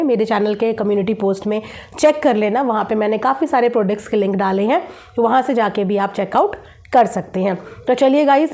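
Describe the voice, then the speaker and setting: A woman's voice: on the high side, a little mellow. A woman hosting a reaction channel, talking straight to camera in a casual, insistent way and repeating her points. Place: indoors at night.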